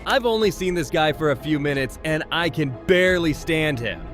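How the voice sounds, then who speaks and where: A man's voice: a little high, expressive, normal speed, a bit bright, faint music behind. A man narrating a commentary voice-over in a scornful, mocking manner.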